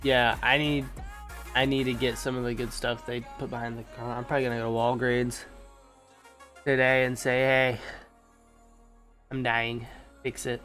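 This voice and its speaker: Stuffed-up and nasal from allergies, this young livestream host keeps up easygoing, slangy chatter. His voice is mid-range and a bit bright.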